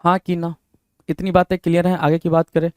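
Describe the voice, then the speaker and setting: High-voiced male teacher drilling words. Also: completely flat delivery, fairly quick, clear, resonant tone, dry recording. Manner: rhetorical questions to students, repeats words. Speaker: vocabulary teacher. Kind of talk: exam-prep vocabulary lesson.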